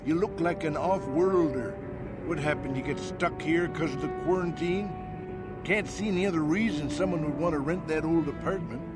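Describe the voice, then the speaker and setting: An actor playing a grumpy, folksy old janitor in a video game, with a rambling, stammering way of talking. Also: male voice, a little high, moderate pace, loud music behind the voice, natural voice. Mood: folksy, curious. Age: older.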